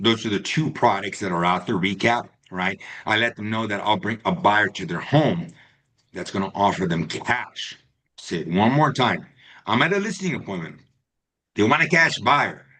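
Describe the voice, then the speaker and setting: A man with a lowish voice and sharp tone leads a live online class for real estate agents. Speaking straight to his students, he often ends lines with "right?" or "okay?"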